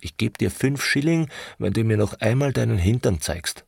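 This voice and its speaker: A man voicing a touchy young apprentice from the country, pitching his voice up and speaking loudly and indignantly. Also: lively intonation, normal speed, gravelly, breathy edge, dry recording, clean studio sound, heavily acted. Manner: indignant, raised voice. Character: touchy young farm-boy apprentice, quick to anger.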